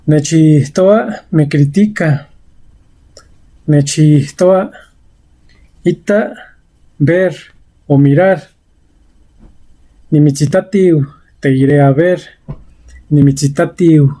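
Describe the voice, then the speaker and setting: A woman's voice: low-pitched, slow pace, long pauses, mellow. A woman giving a vocabulary lesson, saying each word and example carefully and repeating it. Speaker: language teacher.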